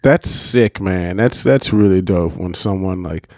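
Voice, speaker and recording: A man in his forties hosts a podcast in a loose, laid-back way, swearing casually and doubling back on his words. His voice is low and the recording dry, with no room around it. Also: unhurried, a little mellow, no echo. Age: 40s. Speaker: podcast host.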